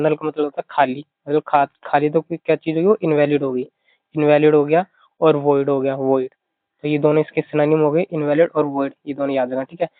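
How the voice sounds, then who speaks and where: Using mnemonics to explain vocabulary for an exam, a man repeats himself a lot and keeps dropping "theek hai." His voice sits a little high, and the thin, phone-like recording is dry with no room sound.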